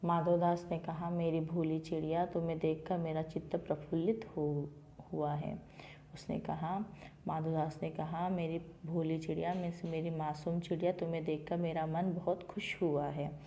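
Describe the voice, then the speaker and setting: Woman teacher, reads a story aloud then explains each line, lowish voice, mellow and relaxed tone. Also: moderate pace, slight background noise. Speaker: school teacher. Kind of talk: reading a Hindi textbook lesson aloud and explaining it to children.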